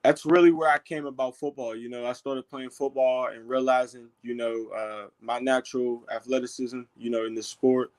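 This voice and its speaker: A young man from Pittsburgh, a football player as guest, talking in a relaxed way full of fillers. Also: mid-range voice, moderate pace, hardly any pauses. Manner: relaxed, filler-heavy, lots of "you know". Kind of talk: casual interview.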